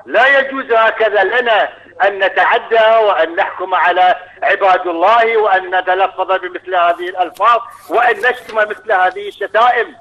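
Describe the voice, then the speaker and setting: A man's voice: high-pitched, brisk. A man calling in to a show, arguing heatedly and lecturing, repeating himself, heard through a phone line. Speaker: caller. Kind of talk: angry phone-in argument.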